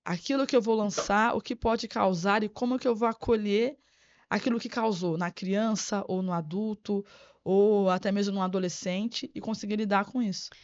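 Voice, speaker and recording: A woman's voice: mid-range voice, fairly even intonation, moderate pace, darkish tone, no room sound. A woman guest on a podcast interview, an educator speaking in an earnest, reflective way and repeating words as she thinks. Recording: dry, slightly dull sound.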